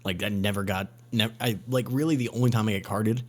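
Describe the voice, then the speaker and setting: A young podcast co-host with a very low, deep voice. He rambles along easily, restarting his sentences as he goes. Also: steady tone, a little fast. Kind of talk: casual chat.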